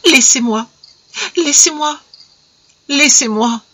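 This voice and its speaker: A woman's voice: medium pitch, animated, unhurried, a bit bright, no echo. A woman reading aloud, voicing a distraught, resolute young society wife in a story. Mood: anguished. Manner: pleading, then firm and grave.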